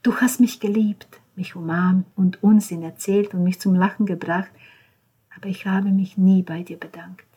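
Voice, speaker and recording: A woman's voice: fairly low pitch, little pitch movement, normal speed, breathy edge, voice pushed up. A woman voicing a frail whispering woman. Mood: tender. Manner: whispery, soft. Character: frail woman in a hospital bed, soft and tender.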